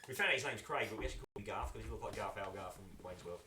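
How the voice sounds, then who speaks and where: Middle-aged man, quick rambling host, echoey studio sound. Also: on the low side, crowd noise. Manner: rambling, restarts often, chatty. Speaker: show host and band member. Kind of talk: casual chat over drinks. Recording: roomy studio echo.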